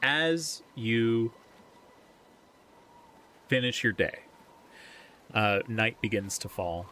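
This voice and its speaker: Bright, lively man running a tabletop game. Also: mid-range voice, drawn-out words. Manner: laughing, loose narration with fillers. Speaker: dungeon master.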